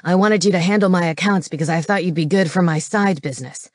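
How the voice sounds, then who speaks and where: A man's voice: high-pitched, quick pace, no room sound, studio quality, close to an everyday voice. A woman voicing a cold, scornful older male werewolf villain in an audiobook. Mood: scheming. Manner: sneering, cold. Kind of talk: audiobook character voice.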